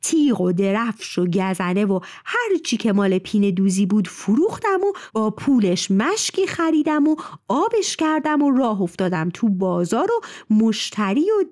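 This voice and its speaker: A woman storyteller voicing a poor, quick-tempered male cobbler who brags loudly. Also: medium pitch, natural voice.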